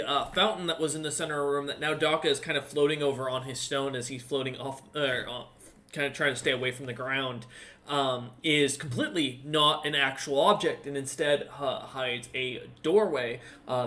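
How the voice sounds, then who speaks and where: A man narrating a tabletop fantasy game as game master, in a halting, descriptive way. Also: medium pitch, sharp tone.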